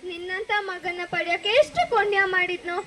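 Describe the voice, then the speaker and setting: A woman's voice: very high voice, fairly even intonation, brisk, a crowd in the background. A woman playing a grieving mother in a school stage play, tearfully pleading with her son in prison. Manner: sobbing, pleading.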